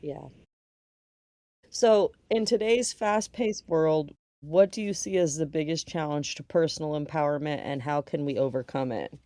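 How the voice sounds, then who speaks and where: A woman podcast host asks her prepared questions in a measured way. Her voice is low and mellow. The sound is dry and close, with no room echo. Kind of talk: interview questions.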